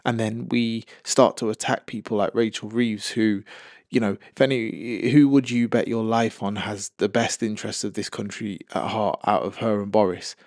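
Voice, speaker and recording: A man's voice: on the low side, fairly even intonation, normal speed, darkish tone, no echo, clean studio sound. A man giving opinionated political commentary in an emphatic, exasperated way.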